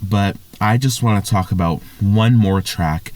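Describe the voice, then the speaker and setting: A man's voice: lowish voice, measured pace, a little mellow. A man giving a casual spoken music review, enthusiastic and gushing, with lots of fillers and restarts.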